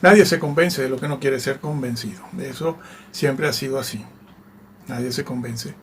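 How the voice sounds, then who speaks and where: A man whose first language is Spanish gives conversational Bible teaching in a mid-range voice at normal speed, reading scripture aloud and commenting on it. He checks in with listeners through frequent tag questions, with slight background noise.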